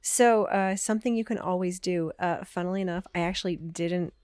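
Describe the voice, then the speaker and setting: A woman's voice: fairly low pitch, fairly quick, a little mellow, smooth, no echo, studio quality. A woman playing in a tabletop game, tentatively reading options aloud. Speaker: player. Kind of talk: casual tabletop game chat.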